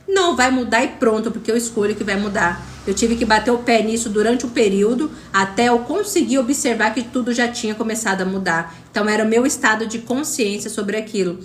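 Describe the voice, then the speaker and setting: As a spiritual coach on a motivational live stream, a woman with a Brazilian Portuguese accent greets viewers by name and speaks in an emphatic, repetitive way. Her mid-range voice echoes around the room.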